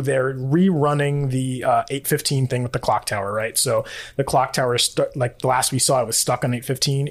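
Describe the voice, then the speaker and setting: A woman hosting a rewatch podcast, talking in a casual, rambling, jokey way. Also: extremely low pitch. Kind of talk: casual chat and commentary.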